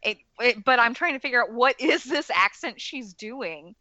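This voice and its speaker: A woman's voice: on the high side, animated, moderate pace, sharp tone, dry recording, highs cut off. A woman from the American South with a slight Southern accent, co-hosting a casual movie commentary, laughing often and swearing freely. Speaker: podcast co-host.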